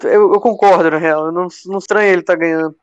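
A man's voice: sits high, steady tone, quick pace, clean tone, no room sound. A man co-hosting a podcast in casual political chat, asking questions in laid-back slang. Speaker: podcast co-host. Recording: dry, dull lo-fi sound.

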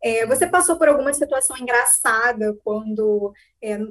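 A woman conducting an interview, with a slightly breathy voice pitched a bit high. She asks long questions at an even pace. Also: moderate pace.

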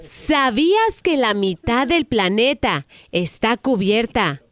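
A woman puts on a high-pitched phone menu voice. It recites silly tips like a recorded line, deadpan and measured, as in a prank call.

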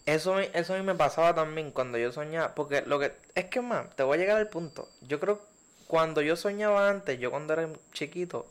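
A man's voice: fairly high pitch, clean tone. Young man telling a dream story. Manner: slangy storytelling, drawn-out and animated when telling a scary dream. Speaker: podcast co-host. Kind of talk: casual chat.

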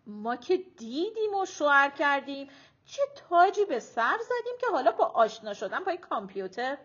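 A woman's voice: high voice, big pitch swings, fairly bright tone, pitched above the performer's own voice. A woman reading an audiobook, voicing a weary, irritable middle-aged mother with clipped, grumbling remarks. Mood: sardonic. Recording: dull lo-fi audiobook recording.

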